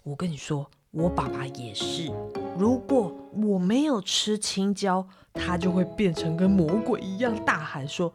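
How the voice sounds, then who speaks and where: A woman voicing an excitable little boy who talks eagerly and with big emphasis. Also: lowish voice, a little slow, music in the background. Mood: animated.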